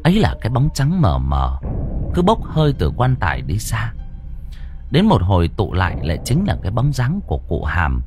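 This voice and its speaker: A man's voice: on the low side, wildly swooping pitch, moderate pace, music in the background. A man narrating a ghost story with dramatic, suspenseful delivery.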